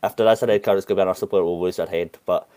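Low-pitched male panelist, animated, fond of bold football claims. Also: rapid-fire. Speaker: podcast panelist. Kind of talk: casual football chat.

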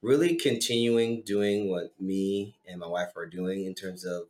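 A man's voice: deep voice, steady tone, unhurried, darkish tone. A young adult man, a podcast guest, talking earnestly and encouragingly about faith and foster care. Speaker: guest, former foster youth. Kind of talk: casual podcast conversation. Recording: roomy echo.

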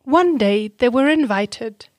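Slow woman reading a rhyming storybook. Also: on the high side, lively intonation, dry recording, studio quality. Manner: slow, clear rhyming delivery with questions to children. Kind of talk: storybook read-aloud.

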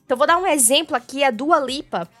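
A woman's voice: high voice, fast talker, fairly bright tone, no echo, soft background music. A Brazilian woman who teaches English, giving a chatty podcast lesson and dropping English terms into her explanations. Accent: Brazilian Portuguese.

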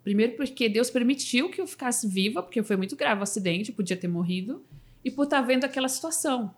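A woman's voice: on the high side, expressive, quick pace. A woman, a motivational speaker, telling a personal story in a casual podcast interview, with emotional restarts. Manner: emotional storytelling, restarts and fillers like "sabe assim".

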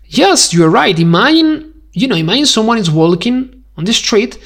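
This podcast host, a man from Spain with a Spanish accent, has a high-pitched, animated, slightly bright voice at a moderate pace. His conversational, educational monologue is emphatic, full of rhetorical questions aimed right at the listener.

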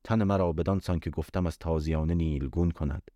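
A man with a deep voice voicing a young enchanted prince, half turned to stone, who speaks in a sorrowful, pleading way. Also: fairly even intonation, dark tone, no room sound, clean studio sound, close to an everyday voice.

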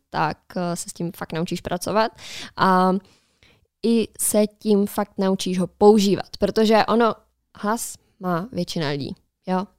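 A woman's voice: mid-range voice, clear, resonant tone, no echo, clean studio sound. A woman co-hosting a casual podcast, talking in a chatty, reflective way and giving advice. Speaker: podcast co-host. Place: studio.

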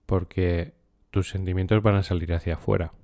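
A man hosts a podcast and talks through a book in a calm, unhurried way, like a trainer. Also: sits low, dry recording, clean studio sound. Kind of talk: casual podcast monologue on a book.

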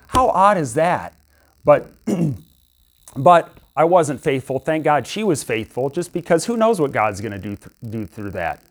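A young man preaching in a loose, conversational way, telling stories from his week and often restarting his sentences. His voice sits at a middle pitch for a man. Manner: conversational, storytelling, many restarts. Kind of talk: informal sermon.

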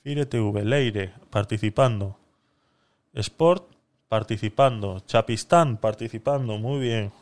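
A man's voice: lowish voice, takes it slowly, a little mellow. A man hosting a live-stream podcast, chatting casually with viewers while he talks himself through a giveaway. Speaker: livestream podcast host.

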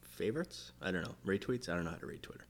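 A man's voice: low voice, animated, fast talker, slight background noise. A man co-hosting a podcast, bantering casually and laughing in disbelief. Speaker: podcast co-host. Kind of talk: casual chat.

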